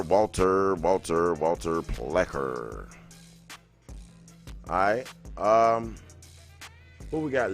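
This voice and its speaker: A man hosts a casual livestream, greeting viewers and rambling along while often repeating his phrases. His voice is lowish and a bit bright. Music plays in the background.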